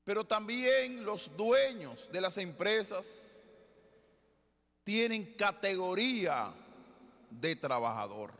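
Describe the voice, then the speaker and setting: A middle-aged man, a bishop from the Dominican Republic, preaching a sermon at the ambo with slow, deliberate phrasing and rhetorical questions. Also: high-pitched, sing-song, fairly bright tone. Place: large basilica with congregation. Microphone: ambo microphone, far camera. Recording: long church reverb.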